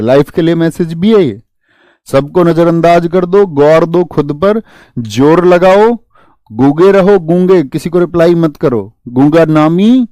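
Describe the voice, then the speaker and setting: A young male coaching teacher drills his students with quick rhetorical questions and tosses English words into his lesson. His voice sits a little high yet sounds mellow and dark, and it is recorded dry and close with no room echo. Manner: mixes English words into explanations. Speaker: exam-prep teacher.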